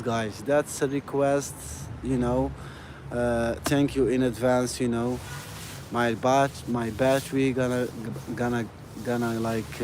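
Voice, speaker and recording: A man talks into his phone as he walks outside, rambling in a friendly way and tossing in "you know" and "bro" all the time. His voice sits at an ordinary middle pitch for a man. Street noise and passing traffic come through clearly behind him. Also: a little mellow. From Algeria. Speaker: live streamer. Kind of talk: casual live-stream chat. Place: outdoors on a city street, walking. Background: urban ambience and vehicles.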